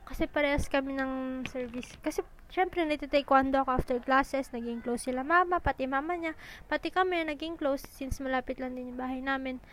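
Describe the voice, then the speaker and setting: A young woman with a high voice tells stories in a chatty, animated way. She sounds a little out of breath as she goes. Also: brisk, slight background noise, rough recording. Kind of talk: casual storytelling.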